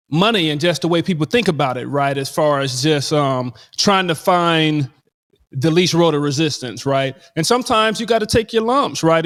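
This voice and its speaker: A man's voice: fairly high pitch, a bit bright. Jokey man hosting a podcast. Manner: jokey, affirming with "right" and "yeah". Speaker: podcast host. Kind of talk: casual podcast chat.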